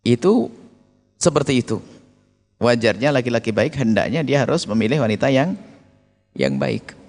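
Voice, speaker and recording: Animated male preacher in a reverberant hall. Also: medium pitch, moderate pace, soft background music. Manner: lively, acts out quoted speech in raised voice. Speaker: preacher answering questions. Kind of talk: sermon with question and answer.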